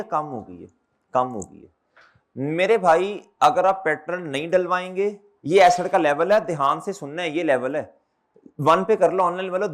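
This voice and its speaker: High-voiced male accountancy teacher lecturing. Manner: repeats questions back to students; calls students brother and children. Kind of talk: classroom lecture.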